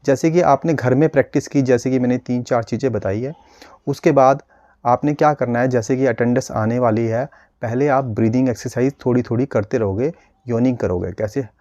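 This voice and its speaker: A man working as a speech therapist, giving a calm, patient lesson and slowly demonstrating sounds for viewers to copy. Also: mid-range voice, no echo, dull audio. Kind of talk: instructional video lesson.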